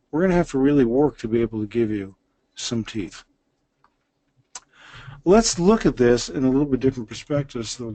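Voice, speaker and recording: A man in his sixties lectures on a dental case, explaining it by walking through the images step by step. His voice is medium-pitched with a dark tone, and there's no echo.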